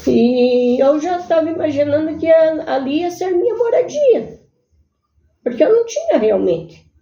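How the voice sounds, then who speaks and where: A woman telling her own life story in a halting, earnest way. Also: high-pitched, vocal fry, warm tone. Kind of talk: personal storytelling. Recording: echoey room, muffled sound.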